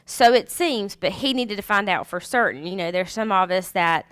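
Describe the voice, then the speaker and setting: A woman's voice: medium pitch, normal speed, fairly bright tone, clear, resonant tone, dry recording. A woman teaching a Sunday school Bible lesson in a chatty way, with many fillers and restarts.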